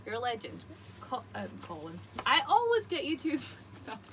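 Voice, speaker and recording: A woman's voice: fairly high pitch, wildly swooping pitch, moderate pace, distant mic, noisy background. A woman in casual banter, tipsy, gushing and repeating herself. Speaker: show guest.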